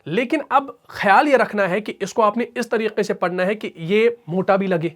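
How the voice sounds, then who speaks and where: A man teaching a tajweed lesson. He explains pronunciation briskly and drills syllables slowly and repeatedly. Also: high voice, fairly bright tone. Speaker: Quran recitation teacher. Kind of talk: tajweed lesson with recitation examples.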